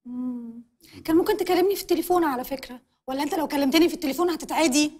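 An actress playing a wary, teasing young Egyptian woman in a high voice. She trades quick, suspicious banter at great speed. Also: a little mellow, close to an everyday voice. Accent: Egyptian Arabic. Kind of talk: TV sitcom acting.

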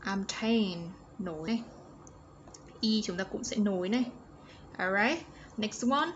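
A woman teaching young children, walking through exercises and modeling English words slowly for them to repeat. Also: mid-range voice, animated. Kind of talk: step-by-step exercise walkthrough. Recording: slightly dull audio with faint background noise.

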